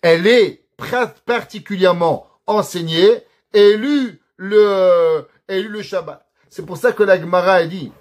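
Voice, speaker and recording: A man's voice: sits high, unhurried. A man, a rabbi, giving a Torah lesson and weaving Hebrew quotations into his teaching, often asking questions and answering them himself. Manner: mixes Hebrew quotes into his explanation.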